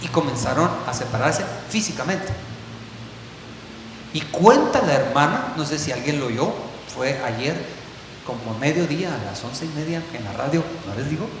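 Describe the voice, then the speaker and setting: A man preaching a sermon as pastor, telling a story, swinging from hushed passages to loud ones. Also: fairly high pitch, lively intonation, normal speed. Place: church. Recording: echoey church hall with faint hiss.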